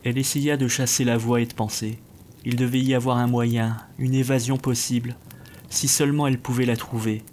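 A man reading a dark fantasy story aloud as narrator, steady and measured. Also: mid-range voice, slight background noise. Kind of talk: scripted narration.

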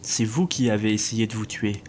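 A man's voice: fairly low pitch, steady tone, moderate pace, darkish tone, a little hiss or hum, lightly acted. A man reading aloud, voicing a frightened young woman who answers a spirit in a dull, defiant tone.

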